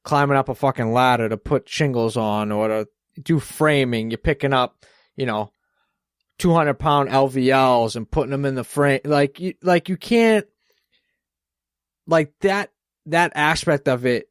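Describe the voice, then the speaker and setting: A man's voice: medium pitch, a little slow, clean tone, dry recording, studio quality. A man with a Boston accent hosting a podcast, rambling in casual chat and swearing freely. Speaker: podcast host.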